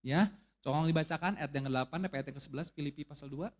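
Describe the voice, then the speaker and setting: A man's voice: a little high, very fast. A man preaching a sermon at a church service, asking the congregation questions and mixing in casual, joking asides. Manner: casual slangy asides and jokes. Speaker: pastor.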